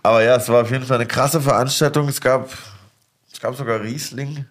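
A young man from Berlin co-hosting a podcast, telling stories in an excitable, slangy, casual way. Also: medium pitch, fairly quick. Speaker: podcast co-host.

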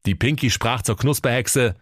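A man narrating a comic storybook reading in an animated, playful way. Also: medium pitch, normal speed, no echo, clean studio sound.

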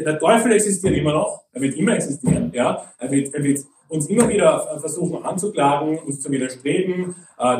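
A man preaching a sermon in a conversational way, often checking in with "okay?", and reading scripture slowly. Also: a little high, reverberant, recorded from a distance, rough recording. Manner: reads Bible verses slowly and deliberately.

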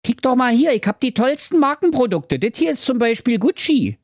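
A man voicing a cheeky, scheming shopkeeper and crook who pitches his goods fast in a Berlin accent. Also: big pitch swings, no echo, clean studio sound, full character voice. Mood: wheedling. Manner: fast-talking sales pitch.

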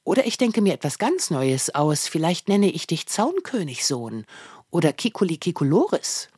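A woman voicing a kindly father of a young boy, speaking calmly and reassuringly. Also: on the low side, normal speed, breathy edge, dry recording, clean studio sound. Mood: gentle, soothing. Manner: calm, soothing, reassuring.

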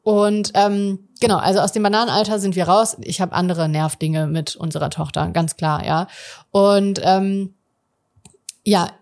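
A woman in her thirties, a guest in a conversational interview, explaining parenting calmly and acting out everyday family dialogue. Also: medium pitch, unhurried.

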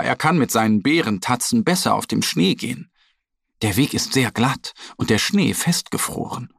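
A man reading a children's story aloud in a slow, lively, expressive way. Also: mid-range voice, creaky, slightly rough, dry recording, studio quality.

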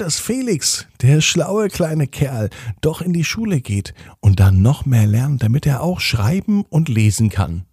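A man reads a children's story aloud, his voice swinging widely in pitch as he tells it. His tone is mellow and a little husky. The sound is close and dry. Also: no echo. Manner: gentle, expressive storytelling with playful pitch swings.

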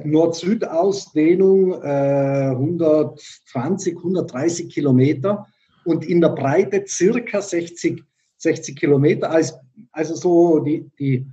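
A man's voice: a little high, mellow, muffled recording. A middle-aged man from South Tyrol, a podcast guest explaining things in a thoughtful way with many fillers and restarts. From South Tyrol, Italy. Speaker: tourism director, podcast guest. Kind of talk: conversational interview answers.

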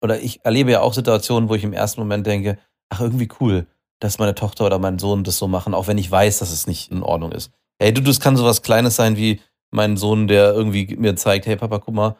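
A man's voice: on the low side, steady tone, quick pace, few pauses, darkish tone. A man, a father, explaining his view earnestly in a casual podcast chat.

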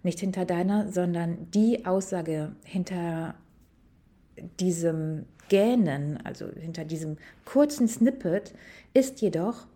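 Woman, podcast host and etiquette coach; mellow tone, emphatic and animated. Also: on the low side. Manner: animated, emphatic, switches between slow stress and fast asides. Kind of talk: casual podcast monologue.

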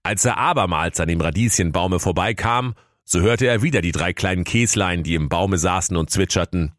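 A man narrating a comic fairy-tale parody in a playful, animated way. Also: deep voice, normal speed, no room sound, studio quality. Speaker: storyteller.

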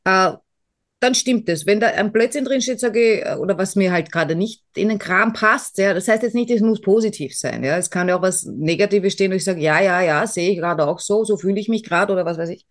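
A woman's voice: mid-range voice, brisk. A woman co-hosting a podcast in casual chat, rambling and self-mocking, with many fillers and restarts. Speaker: podcast co-host.

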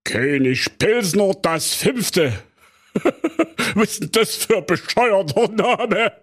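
A pompous fairy-tale police inspector, played by a man, who speaks in a raised, slow, self-satisfied drawl. He lays out each point with bureaucratic smugness in a comic audio story. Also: sits high, big pitch swings, fairly bright tone, voice pushed up, exaggerated voice. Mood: officious. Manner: drawling, know-it-all, bureaucratic.

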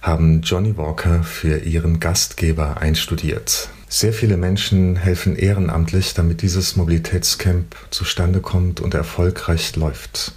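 Deep-voiced male news narrator. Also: steady tone, unhurried, few pauses, a little mellow. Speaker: reporter narrator. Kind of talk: scripted narration.

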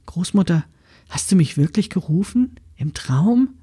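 A woman voicing a curious, excitable young girl who asks eager, breathless questions. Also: lowish voice, moderate pace, slightly rough.

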